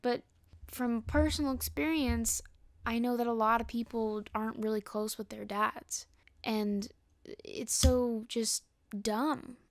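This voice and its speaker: A young woman hosts a solo podcast, ranting frankly and casually about her opinions. Her voice sits a bit high and she slips into little acted-out quotes as she goes. The sound is dry and close, with no room echo. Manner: frank, animated, quick asides with acted quotes. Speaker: podcast host.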